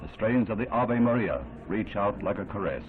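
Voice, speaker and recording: A man giving solemn, measured, formal narration in an old 1960s newsreel. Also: on the low side, animated, background noise. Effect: old 1960s newsreel sound. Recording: thin narrow-band old film audio with music underneath.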